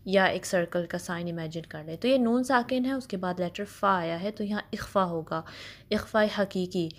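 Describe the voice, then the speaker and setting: A woman teaching Quran recitation, patiently explaining each letter with slow spoken examples and mixing English words into her explanations. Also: medium pitch. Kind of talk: step-by-step recitation lesson.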